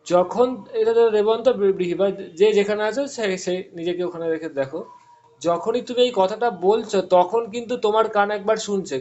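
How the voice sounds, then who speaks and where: A man with a high-pitched voice teaches physics over an online call, working through each idea slowly and asking his students questions along the way. The sound is dull and lo-fi, as from a call line. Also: a little mellow. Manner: explains step by step, quizzing students. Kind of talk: online class explanation.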